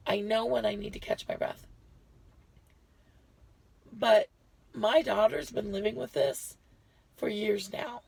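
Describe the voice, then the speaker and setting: A woman's voice: mid-range voice, fairly even intonation, takes it slowly, vocal fry, long pauses, a little mellow, slightly rough, dry recording. A woman vlogger giving a chatty, rambling health update to her viewers, short of breath and often correcting herself. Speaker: lifestyle vlogger.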